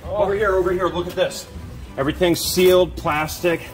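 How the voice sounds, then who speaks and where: A man in his thirties hosting a vlog, talking excitedly and joking while he opens boxes in a metal storage unit, handheld camera nearby. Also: high voice, brisk, faint music behind. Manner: eager, joking, talks while working with his hands. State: sweating. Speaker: vlog host. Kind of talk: excited casual chat while unboxing.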